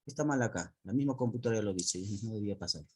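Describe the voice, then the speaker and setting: Man, teacher, online class, husky tone, low voice, restarts and repeats phrases. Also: expressive, very fast.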